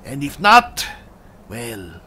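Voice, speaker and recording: A man role-playing a hearty, loyal, bawdy barbarian adventurer in a game, speaking in halting, thoughtful phrases. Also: mid-range voice, wildly swooping pitch, bright, forceful tone, slightly rough, exaggerated voice. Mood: warm, rousing. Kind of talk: improvised game role-play.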